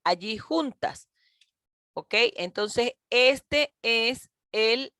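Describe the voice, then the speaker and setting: A woman's voice: a little high, animated, very slow, a bit bright, dry recording. Woman teacher explaining grammar over a video call, patient, keeps checking in with the kids, dry close sound. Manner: patient, calls pupils "mis niños" and "chicos", often checks with "¿ok?". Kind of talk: online grammar lesson. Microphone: computer mic on a video call.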